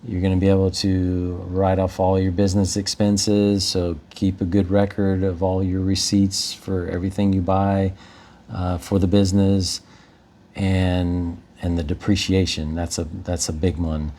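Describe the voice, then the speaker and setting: A man with a low, mellow voice talks through practical tips as a rental host. His delivery is easygoing and explanatory, like a casual chat with viewers. The tone stays relaxed and unhurried. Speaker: short-term rental host.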